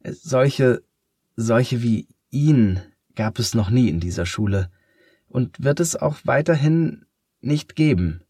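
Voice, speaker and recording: A man voicing a flustered female schoolteacher, cold and hostile toward a strange pupil, in a hurried, clipped manner. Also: medium pitch, expressive, warm tone, slightly rough, no echo, studio quality, pitched above the performer's own voice. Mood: stern.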